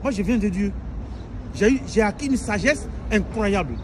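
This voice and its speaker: Earnest street interpreter guy, high-ish voice, says voilà a lot, traffic noise all around. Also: normal speed. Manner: earnest, self-assured, repeats yes and voilà. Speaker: street interpreter, prank target. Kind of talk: improvised interpreting.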